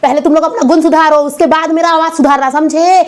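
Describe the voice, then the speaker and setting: A woman playing a brash, loud-mouthed young wife who scolds and defies her husband in a comedy sketch. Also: extremely high pitch, flat delivery, racing, voice pushed up. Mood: defiant scolding.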